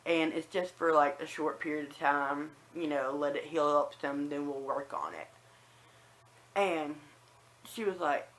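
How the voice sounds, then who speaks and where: Chatting casually with viewers, this woman vlogger shares a personal story and imitates things people once said to her. Her deep voice is a bit bright and some words carry a faint whistle, though the recording quality is low.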